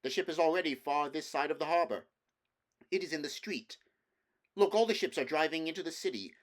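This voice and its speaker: A man's voice: on the high side, brisk, pitched above the performer's own voice, lightly acted. A man voicing a noble young prince in a storybook reading, with archaic, formal, declamatory speech. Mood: urgent alarm.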